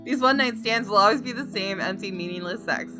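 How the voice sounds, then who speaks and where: Here a woman with a mid-range voice speaks fast and only lightly acted, giving first-person narration for a bitter, jaded, guilt-ridden visual novel heroine. Her delivery is dramatic and confessional over guitar game music.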